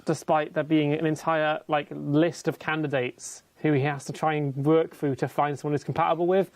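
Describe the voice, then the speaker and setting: A man's voice: fairly high pitch, little pitch movement, normal speed, no room sound. A man co-hosting a casual podcast, explaining in loose, restarting recaps. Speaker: podcast co-host and judge. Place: indoor room, seen on camera.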